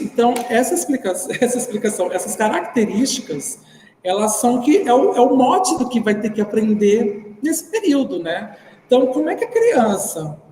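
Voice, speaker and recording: A man's voice: high voice, a little mellow. A man with a Brazilian Portuguese accent, teaching an online class in an informal, thinking-aloud way, tagging his sentences with "né". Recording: roomy reverberant sound with faint background noise.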